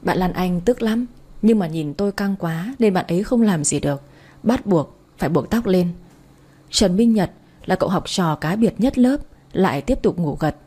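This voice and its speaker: A woman's voice: lowish voice, expressive, moderate pace, mellow. A young adult woman reading a first-person story aloud in a firm, lecturing manner. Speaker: narrator.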